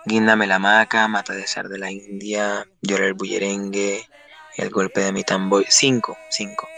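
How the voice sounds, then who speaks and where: Low-voiced male musician guest, reflective and halting, faint music underneath. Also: completely flat delivery, creaky. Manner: warm, reflective storytelling with frequent restarts. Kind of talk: radio interview answers.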